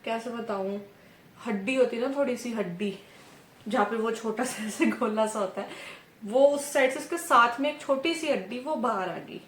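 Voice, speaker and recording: A woman's voice: a little high, moderate pace, a bit bright, slight background noise. Chatty young woman vlogger, echoey room. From India. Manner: chatty, often adds "ठीक है" and acts out dialogue. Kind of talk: casual storytelling to camera.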